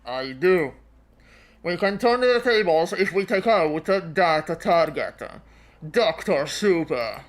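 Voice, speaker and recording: A woman voicing a grim male rebel commander, speaking low, slow and solemn while reading a game story. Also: lively intonation.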